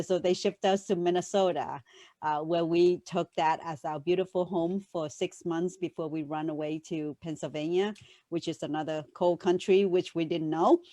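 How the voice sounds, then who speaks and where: A woman's voice: on the low side, warm tone, no room sound. A woman from Vietnam co-hosting a casual talk show, chatty and joking, with laughs between her lines. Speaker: co-host.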